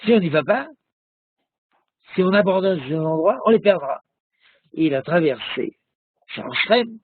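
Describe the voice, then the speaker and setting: A man, a rabbi, giving a recorded religious lesson, telling a story slowly with many hesitations. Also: sits high, animated, breathy edge, dry recording, narrow, tinny audio. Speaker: rabbi teaching a class.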